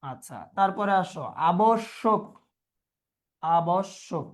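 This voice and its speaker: A man teaching an online revision class over a video call, quizzing students, reading their replies, and slowly repeating words to drill their pronunciation. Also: sits high. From Bangladesh.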